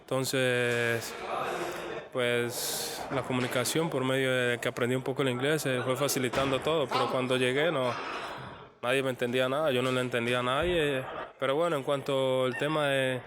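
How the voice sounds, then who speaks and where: A young man with a Colombian accent, speaking earnestly and haltingly in a documentary interview. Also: medium pitch, little pitch movement, background noise. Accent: Colombian Spanish. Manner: halting, repeats words, earnest. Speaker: professional footballer.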